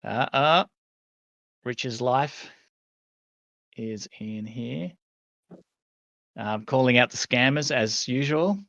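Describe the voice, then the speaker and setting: A man's voice: mid-range voice, takes it slowly, creaky, pauses often, a bit bright, dry recording, muffled recording. An Australian man hosting a casual community chat, laid-back and full of fillers. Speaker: community host.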